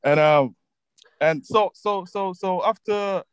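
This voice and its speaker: A man in his twenties from Zimbabwe, a musician guest talking in a relaxed way, laughing often and repeating words as he thinks. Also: high-pitched, slow, smooth, dry recording, rough recording. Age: 20s. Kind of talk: casual interview chat.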